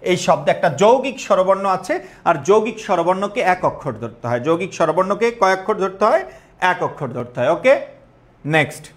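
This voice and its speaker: A man's voice: high voice, lively intonation, brisk. A young man with a Bangladeshi Bengali accent teaching a live online exam-prep class, repeating questions and quizzing students.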